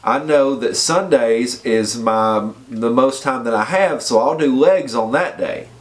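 Talking to camera, a male fitness vlogger offers relaxed fitness tips while stuffed up from a head cold. He speaks at a measured pace in a mid-range voice, chatty and repetitive, often asking the listener "okay?"

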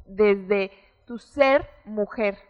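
A woman, a guest expert explaining child development in an interview, animated and acting out the voices of parents. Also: mid-range voice, very slow, muffled recording. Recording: roomy hall reverb.

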